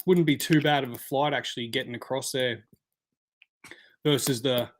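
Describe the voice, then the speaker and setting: A man's voice: medium pitch, steady tone, moderate pace. A man hosting a casual live stream, chatting and answering viewer comments by name. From Australia.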